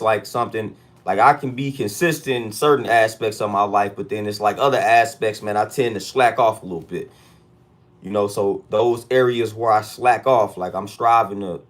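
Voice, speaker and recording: An American man hosting a casual livestream check-in, talking in street slang and repeating hype catchphrases. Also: lowish voice. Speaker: livestream host.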